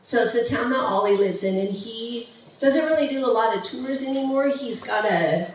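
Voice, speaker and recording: A woman's voice: a little high, normal speed, slight background noise. A woman giving a casual, enthusiastic slideshow talk, with many ums and restarts. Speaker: presenter of a travel slideshow. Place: museum presentation room. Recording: far-off mic in a very echoey room.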